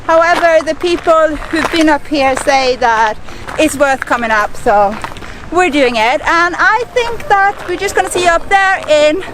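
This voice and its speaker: A woman's voice: high-pitched, unhurried, noisy background. A woman hosting a travel vlog, chatting casually and directly to her viewers. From Europe. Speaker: travel vlogger.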